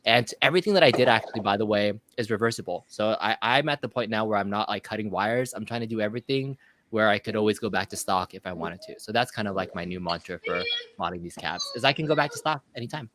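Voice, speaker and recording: A man's voice: fairly low pitch, fast, fairly bright tone, slight background noise. Casual man chatting about his hobby. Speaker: show host and arcade cabinet reviewer. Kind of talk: casual podcast chat.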